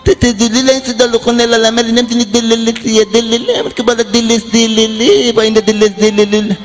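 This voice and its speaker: A man voicing a desperate male customer who pleads and repeats himself in a whiny, drawn-out way. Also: extremely high pitch, flat delivery, voice pushed up. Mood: insistent pleading. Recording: long reverb, faint music behind.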